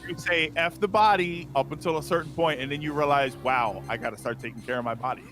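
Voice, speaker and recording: A man's voice: fairly high pitch, fast, music in the background. A man in his thirties, joking in casual chat on a gaming stream. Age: 30s. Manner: joking, talks over others.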